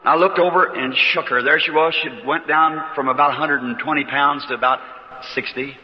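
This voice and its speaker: A man's voice: on the high side, fairly even intonation, normal speed, long reverb tail, dull audio. A man preaching, telling a personal story in a folksy, emotional way, heard on an old tape recording. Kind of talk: archival sermon storytelling.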